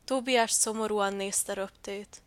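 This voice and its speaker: A woman reads a children's story aloud, calm and gentle, at a middling pitch. The recording is dry and close, with no room sound. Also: no room sound. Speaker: narrator. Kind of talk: storybook narration.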